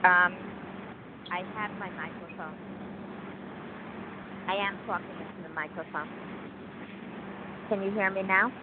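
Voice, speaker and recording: A woman's voice: lowish voice, fairly even intonation, measured pace, pauses often. A distant woman on speakerphone. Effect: on speakerphone, sounding distant. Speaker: support group participant. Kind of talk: casual conference call sharing. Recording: tinny phone line with loud hiss.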